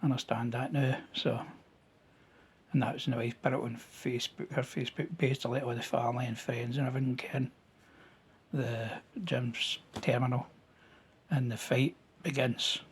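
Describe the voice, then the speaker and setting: A man with a Scottish accent telling his own story in a plain-spoken, halting way, with restarts and local words. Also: mid-range voice, little pitch movement, a little hiss or hum. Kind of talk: casual storytelling to camera.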